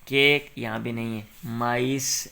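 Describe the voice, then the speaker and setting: Man, tutor, gravelly, patient, phrase-by-phrase drilling, explains a textbook exercise. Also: mid-range voice, fairly even intonation, sharp tone. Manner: patient, says short phrases for a pupil to repeat. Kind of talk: explaining an English lesson.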